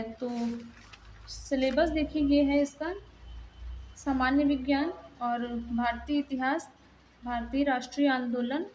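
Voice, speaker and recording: A woman's voice: high-pitched, a little mellow, highs cut off, a little hiss or hum. A young woman giving a casual exam-prep lesson, explaining plainly while pointing things out in a book.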